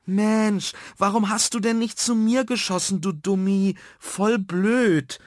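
A man's voice: high voice, fairly even intonation, slow, dry recording, clean studio sound, voice pushed up. Emil, a man doing a cross young boy. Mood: angry. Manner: loud, scolding.

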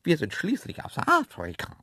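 A storyteller voicing two cheeky, teasing invisible antelopes in a high, sly, whispery voice. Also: wildly swooping pitch, moderate pace, bright, forceful tone, slightly rough, no echo, clean studio sound, full character voice. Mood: whispering. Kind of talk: audiobook storytelling.

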